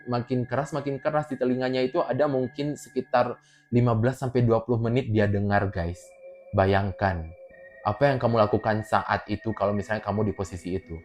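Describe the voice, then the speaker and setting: Low-voiced man telling a dramatic horror story. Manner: dramatic, drops to hushed murmurs and bursts into loud exclamations. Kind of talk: casual spoken horror storytelling.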